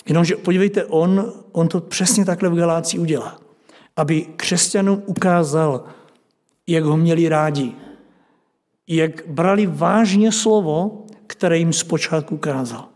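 A man with a high voice preaches at a Bible study. He asks his listeners questions and reads scripture with rising emphasis. His voice rings with a long reverb in a church hall. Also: a little mellow.

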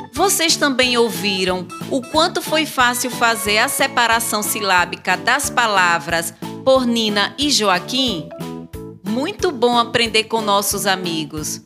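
A woman narrating a school lesson for children and speaking directly to them. She talks slowly in a slightly high voice. Clear children's music plays behind her. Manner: warm, addresses children directly. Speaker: lesson presenter.

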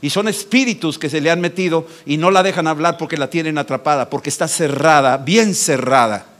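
Male pastor, sermon, fairly high voice, emphatic loud-soft swings. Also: a little fast.

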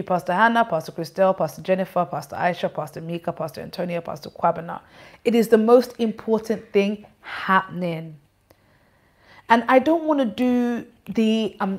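Woman, church leader, noticeable lisp, mid-pitched voice, firm directive exhortation, repetitive emphasis, live-stream address. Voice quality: lisp, from awaiting braces or dental appliance. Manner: firm, directive, repeats key points.

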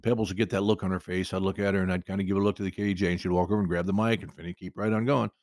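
A man's voice: low-pitched, steady tone, racing, darkish tone, dry recording, clean studio sound. A man hosting a podcast, telling a personal story in a rambling, conversational way with frequent restarts.

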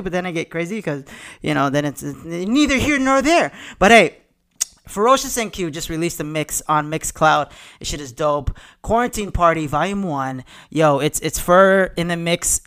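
A man's voice: sits high, pushed and bright, clean tone. A man hosting a party podcast in a hyped, slangy way, boisterous, repeating phrases and swearing freely. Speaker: podcast host and hype man.

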